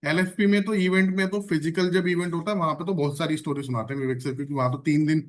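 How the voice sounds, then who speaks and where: Leading an online sales training, a man talks at a quick pace with a fairly high pitch. His energetic style involves repeating phrases and checking in with trainees through questions.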